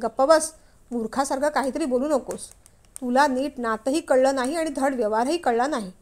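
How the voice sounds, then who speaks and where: A woman voicing an angry middle-aged husband who scolds his wife in a loud, stern way, read in a storybook. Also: sits high, normal speed, natural voice.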